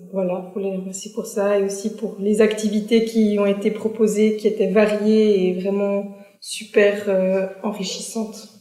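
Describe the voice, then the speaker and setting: A woman's voice: mid-range voice, dark tone, roomy sound. A woman, thanking her hosts with some hesitation. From Switzerland. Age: 20s. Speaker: social work student. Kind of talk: thank-you testimonial.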